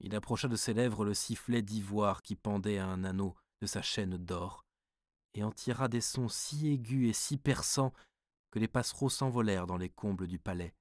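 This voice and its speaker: Brief: male audiobook reader, deep-ish, expressive literary narration. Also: dry recording, clean studio sound. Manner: measured, expressive reading.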